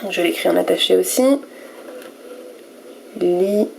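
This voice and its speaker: A woman teacher giving a recorded reading lesson to young pupils, sounding out each letter and syllable slowly and with care. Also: lowish voice, flat delivery, gravelly, a little mellow, a little hiss or hum. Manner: slow and careful, spelling out letters and syllables one by one. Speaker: primary school teacher.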